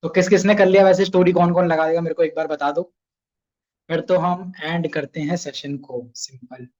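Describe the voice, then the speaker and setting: A man's voice: a little high, steady tone, normal speed, darkish tone, dull audio. A young man runs a casual online sales training session, chatty and coaxing, often asking his listeners questions.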